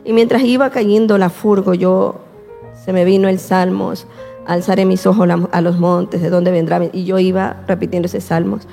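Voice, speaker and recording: A woman with a gravelly, mellow voice recounts her testimony at a slow, emotional pace, often circling back to repeat a phrase. Her voice carries a long reverb, as if in a large hall, with soft music behind it. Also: lowish voice, level tone. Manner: slow, repeating herself, quoting prayers. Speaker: guest telling her testimony.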